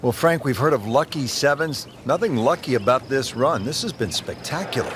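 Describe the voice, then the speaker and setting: A man doing play-by-play golf commentary as a broadcast announcer, with a polished, measured delivery. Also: medium pitch, lively intonation, noisy background, lightly acted. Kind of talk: scripted sports commentary. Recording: loud music and crowd behind. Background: music and golf crowd.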